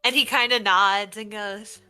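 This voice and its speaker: Bright-voiced woman game master, unhurried. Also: medium pitch, steady tone, clean tone, soft background music. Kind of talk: narrating a tabletop game.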